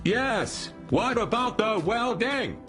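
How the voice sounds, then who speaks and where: An actress voicing a small, eager toy-like robot in a video game, speaking in stilted, literal phrases with naive pride. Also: female voice, a little high, very animated, slow, a bit bright, heavily acted. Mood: earnest, pleased. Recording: music behind the voice.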